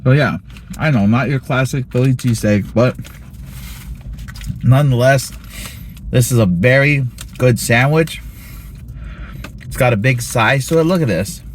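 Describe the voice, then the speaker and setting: A man's voice: mid-range voice, a little slow, long pauses, slight background noise. A man giving a casual food review to viewers, talking with his mouth full and humming appreciatively as he chews. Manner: chewing and talking with mouth full between bites; savoring hums and mm sounds.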